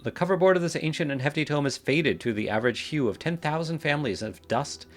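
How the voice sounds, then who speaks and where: A man's voice: fairly high pitch, expressive, fast talker, soft background music. A man casually commenting on a game he plays, thinking aloud and reading out game text. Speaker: game streamer. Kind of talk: let's play commentary.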